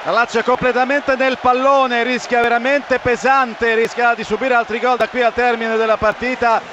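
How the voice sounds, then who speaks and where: High-voiced Italian male football analyst. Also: level tone, normal speed. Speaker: second radio commentator. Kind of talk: live match analysis. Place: football stadium commentary position. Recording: dull lo-fi feed with loud crowd. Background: noisy crowd.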